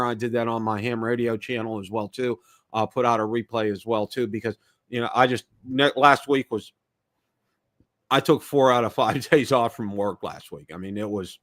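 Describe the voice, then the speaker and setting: Man, middle-aged, live-stream host, casual rambling chat, temporary teeth after surgery, mid pitch. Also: a bit bright. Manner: rambling and chatty, many fillers and restarts. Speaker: host of a live drone show.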